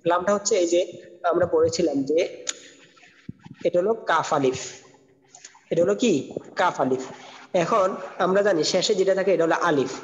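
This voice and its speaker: Slowly drilling Quran recitation, a high-pitched male teacher spells out each word syllable by syllable. The recording sounds muffled and low-fidelity, trailing a long reverb.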